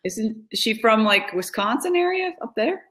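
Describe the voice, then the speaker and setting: A woman hosting a casual podcast interview, asking brief, relaxed questions and plugging her own resources. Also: a little high, moderate pace. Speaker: podcast host.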